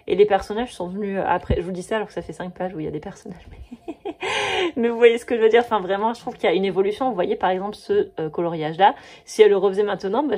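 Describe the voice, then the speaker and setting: A woman in her thirties talks casually to her camera in a mellow, slightly husky voice. She gushes freely about what she loves, filling her talk with fillers and small restarts. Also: medium pitch. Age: 30s. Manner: chatty, gushing, many fillers and restarts. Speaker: coloring book vlogger. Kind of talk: casual chat.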